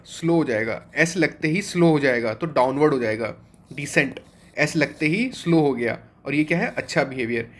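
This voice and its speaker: Man teaching vocabulary, slightly high voice. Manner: explains step by step, asks and answers his own questions. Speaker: exam coaching teacher. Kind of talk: online vocabulary class.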